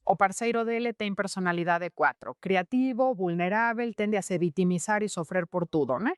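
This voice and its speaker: A woman's voice: mid-range voice, normal speed, smooth, dry recording, clean studio sound. A woman teaching about personality types in a podcast conversation, explaining patiently and illustrating points with real cases. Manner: explanatory, tells cases with acted quotes. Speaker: Enneagram teacher.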